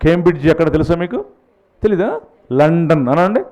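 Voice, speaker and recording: Lively, animated Telugu pastor preaching. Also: male voice, a little high, normal speed, rough recording. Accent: Guntur Telugu. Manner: preaching with questions to the congregation. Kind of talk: sermon.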